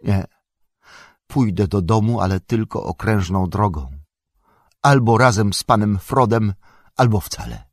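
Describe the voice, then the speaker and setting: Man putting on a young male hobbit, loyal, excitable, agitated, raised husky voice, dry audiobook sound. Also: low-pitched, unhurried, dry recording, exaggerated voice. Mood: despairing. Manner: agitated, indignant outbursts. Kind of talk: audiobook character voice.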